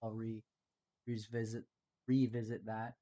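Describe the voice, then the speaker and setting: A man's voice: fairly low pitch, little pitch movement, a little slow, mellow. A man with a Canadian accent, chatting casually and hesitantly as he streams himself building, often trailing off and joking at his own expense. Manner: rambling, hesitant, self-deprecating. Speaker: live streamer. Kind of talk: casual commentary while building.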